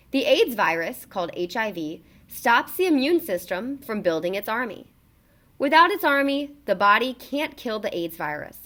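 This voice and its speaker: A woman with a fairly high voice narrates a children's book, aiming it at young listeners. Her intonation ranges widely, and she leans on words expressively in an emphatic, child-friendly delivery.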